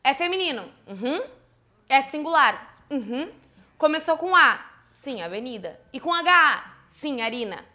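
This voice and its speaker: A young woman from teaching a lively online Spanish lesson, playful and chatty, asking herself questions and answering them. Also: high-pitched, a little slow. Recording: faint background music.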